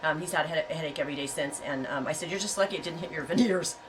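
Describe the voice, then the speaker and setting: Speaking rapid-fire in a deep voice, a woman who runs a yarn and fiber farm vlog tells rambling, laughter-filled stories to viewers from her farm home despite a stuffy head cold. She is far from the mic, and the background is noisy.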